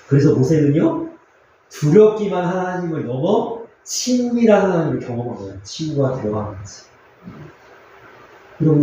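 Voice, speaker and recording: A man's voice: on the high side, dark tone, highs cut off, a little hiss or hum. Earnest preaching man in an echoey hall. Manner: earnest, confessional preaching with pauses and fillers. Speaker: pastor. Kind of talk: sermon. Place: church sanctuary.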